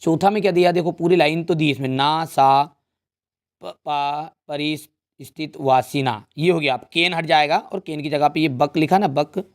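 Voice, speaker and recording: Young guy tutor walking through exam answers, kinda high voice, keeps asking if you got it. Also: steady tone, normal speed. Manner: explains step by step in a friendly way, often checks in with students. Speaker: teacher. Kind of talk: exam revision lesson.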